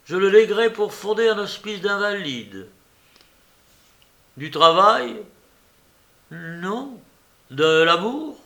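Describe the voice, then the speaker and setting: A man's voice: sits high, lively intonation, slow pace, vocal fry, pauses often, sharp tone, voice pushed up, heavily acted. A man reading a novel aloud, voicing an irritated, stubborn elderly aunt who scolds her nephew. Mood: scolding. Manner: scolding, indignant questioning. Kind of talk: audiobook character reading.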